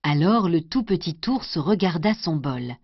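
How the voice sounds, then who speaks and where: A woman storyteller doing an expressive scripted storybook narration. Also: fairly low pitch, measured pace, husky, no room sound. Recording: dry, dull lo-fi recording.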